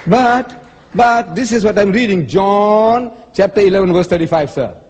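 A man's voice: high voice, normal speed, darkish tone, lo-fi sound, slight background noise. A man giving a public debate speech, emphatic and repetitive, quoting scripture to make his points. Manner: emphatic, repeats key phrases, cites scripture. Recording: echoey hall reverb.

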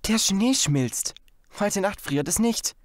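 A man's voice: sits high, animated, takes it slowly, dry recording, studio quality, voice pushed up. Man doing an eager, giggly young girl. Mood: whispering.

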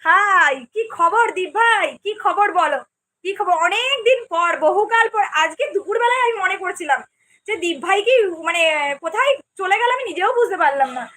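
She has a very high, fairly bright voice with lively intonation and a fairly quick pace: a young cooking-channel host from Medinipur, West Bengal, India. On her casual livestream she reads viewer comments aloud and responds to each viewer by name.

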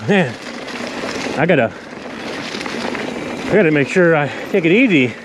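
A man rides hard down a forest trail and calls out his thoughts over the ride, loud, high and excited. He sounds out of breath between his remarks, and the sound comes from an action camera on the handlebars. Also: unhurried, background noise. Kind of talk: riding commentary.

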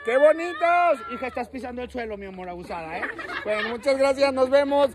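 A Mexican man hosting a street vlog, joking and teasing people and leading loud cheers outdoors. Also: very high voice, quick pace, noisy background. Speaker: influencer host. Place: outdoors at a graduation in town.

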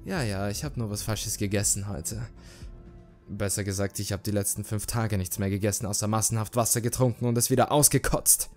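A man's voice: on the low side, fairly even intonation, fairly quick, a little mellow, soft background music, natural voice. A man voicing a vain, arrogant young female fashion model in a horror story reading, speaking in a haughty, condescending way. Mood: falsely calm.

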